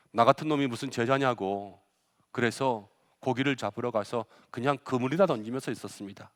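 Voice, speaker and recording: A male pastor preaching a Good Friday sermon, acting out quoted lines with rising force. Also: mid-range voice. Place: church sanctuary. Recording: long church reverb.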